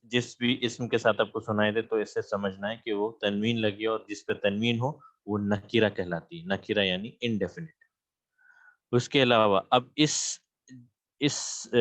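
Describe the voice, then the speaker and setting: A man's voice: lowish voice, a bit bright, no echo. A man teaching Arabic grammar in an online class, patiently repeating terms and checking in with his students. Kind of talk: online class lecture with screen share. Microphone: computer mic on a video call.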